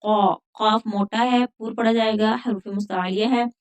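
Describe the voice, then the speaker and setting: A woman teaching a Quran recitation lesson, patiently explaining pronunciation rules step by step and repeating words slowly. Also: medium pitch, steady tone. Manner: recites verses in a drawn-out chant.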